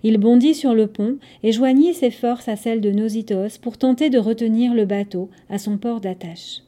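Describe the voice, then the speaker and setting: A woman narrating a scripted story episode in a measured, dramatic way. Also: a little high, dark tone.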